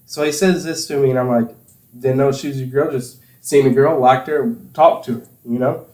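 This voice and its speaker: A man's voice: mid-range voice, steady tone, normal speed, darkish tone, echoey room, rough recording. A young man from Tennessee, hosting a casual chat with friends, rambling through stories and laughing often. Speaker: podcast host.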